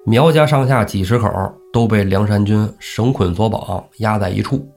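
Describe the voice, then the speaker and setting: A man telling a classic tale on a casual storytelling podcast, acting out the characters' lines with lively energy. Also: on the low side, moderate pace, faint music behind. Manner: lively, acts out characters' shouts. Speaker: storyteller host.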